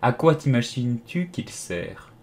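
A man's voice: mid-range voice, big pitch swings, measured pace, darkish tone. A man voicing a condescending talking rose in an audiobook, snide and critical.

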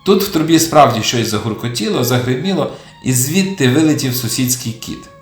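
A storyteller reading a children's fairy tale in a gentle, expressive way. The pitch moves lively through each phrase, and the recording sounds roomy. Soft music plays underneath. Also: fairly quick. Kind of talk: children's audiobook narration.

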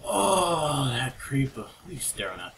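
A chatty man rambles through casual game commentary at an ordinary pitch, breaking into sudden excited yelps. The home recording is noisy, with keyboard clicks rattling behind him. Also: moderate pace, vocal fry. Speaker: let's play commentator. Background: keyboard typing and clicks.

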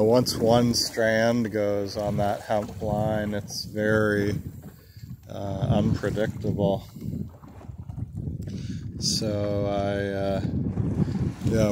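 A man narrating casually while sailing a small boat, talking in an unhurried way with many filler pauses, recorded outdoors at sea on a boat-mounted camera. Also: fairly low pitch. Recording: wind and water noise outdoors. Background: wind and water noise.

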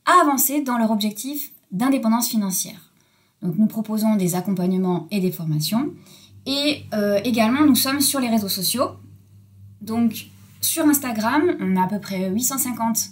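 A woman's voice: medium pitch, a little mellow. Chatty woman in her forties hosting. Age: 40s. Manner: chatty, self-mocking asides. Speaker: podcast host. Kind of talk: casual solo podcast.

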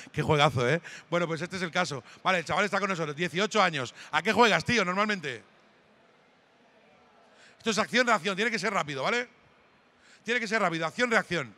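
Man, middle-aged, stand-up comedian, high bright voice, brash, teasing, shouting at the crowd. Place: hall at a gaming event with live audience.

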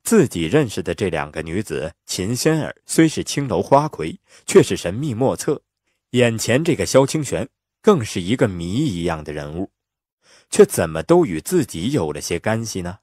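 A man narrating an audiobook in an expressive, lively storytelling manner on a close mic. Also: on the low side, normal speed, no echo.

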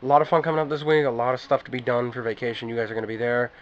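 A man's voice: medium pitch, level tone, racing, lo-fi sound. A man doing a casual daily vlog to camera, chatting loosely and speaking straight to his viewers. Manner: rambling, chatty, addresses viewers directly. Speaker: daily vlogger.

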